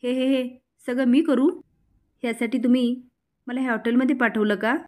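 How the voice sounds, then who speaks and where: A woman's voice: on the high side, fairly even intonation, normal speed, darkish tone, natural voice. A woman reading a tearful young schemer. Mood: indignant.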